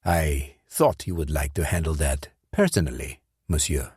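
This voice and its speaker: A man doing a smooth scheming henchman. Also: extremely low pitch, moderate pace, a little mellow, dry recording, clean studio sound, pitched below the performer's own voice, exaggerated voice.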